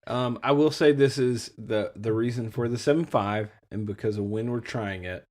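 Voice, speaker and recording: A man with a slight lisp, co-hosting a podcast in relaxed, rambling casual chat. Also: medium pitch, moderate pace. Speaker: podcast co-host.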